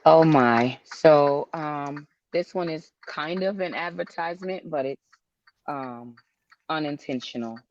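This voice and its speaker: A woman's voice: low voice, slow pace, a little mellow, highs cut off. A woman co-hosting a casual talk show who states her opinions bluntly and matter-of-factly. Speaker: co-host. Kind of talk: casual chat.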